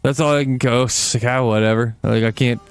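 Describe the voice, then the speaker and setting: A man's voice: mid-range voice, steady tone, fairly quick, creaky, clear, resonant tone, dry recording, soft background music. A man rambling casually while playing a game, swearing freely and making fun of himself. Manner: rambling, swears a lot, self-deprecating. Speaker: let's play gamer.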